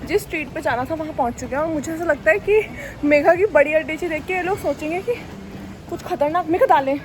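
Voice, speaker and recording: Her voice sits high and runs a little fast as this young woman from India vlogs on a handheld phone. It's casual, joking chatter about her day on the city streets, with faint street noise outside.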